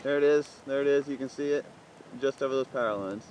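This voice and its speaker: A man's voice: mid-range voice, fast, a little mellow. A man giving live, urgent eyewitness commentary as a storm chaser, repeating himself in exclamations. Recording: noisy rain and vehicle ambience.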